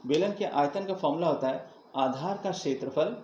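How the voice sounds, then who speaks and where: A man's voice: on the high side, moderate pace, mellow. A man teaching a math lesson, explaining step by step and asking his students questions that he then answers himself. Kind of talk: classroom math lesson at a board. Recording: echoey room, dull lo-fi sound, faint hiss.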